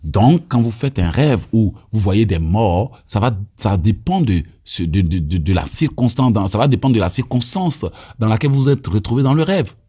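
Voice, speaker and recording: An Ivorian man in his thirties, Abé by first language and speaking with an Ivorian French accent, preaches on deliverance prayer outdoors, filmed on a phone held at arm's length. His lowish voice is dark, slightly rough, and animated, moving at a moderate pace with few pauses, and his emphatic delivery is marked by frequent stammered restarts.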